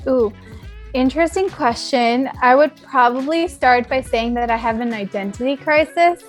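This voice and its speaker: A woman's voice: high voice, normal speed, faint music behind. A woman from Thailand, a podcast guest, talking in a cheerful, self-deprecating way. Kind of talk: casual podcast conversation.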